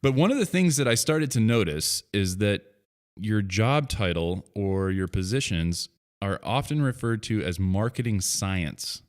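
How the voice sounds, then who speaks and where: A man in his thirties with a very low, deep voice hosts a podcast conversation. He talks casually and loosely, circling back with fillers like "you know" and restarting his sentences. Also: animated, measured pace. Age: 30s. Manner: rambling, many fillers and restarts. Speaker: podcast host. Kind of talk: casual interview chat.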